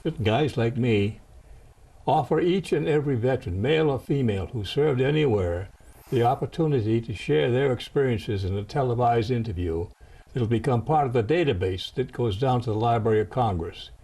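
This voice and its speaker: This older American host and producer of a TV interview program about veterans has an expressive, mid-range voice, dark with a breathy edge, at normal speed. He encourages his guests in a folksy manner, switching between formal language and slang.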